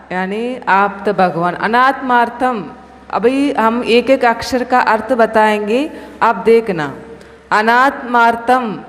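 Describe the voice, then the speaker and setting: A woman who is a Jain nun, leading a scripture recitation class and patiently correcting pronunciation syllable by syllable. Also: on the high side. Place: temple hall. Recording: long hall reverb, faint room noise.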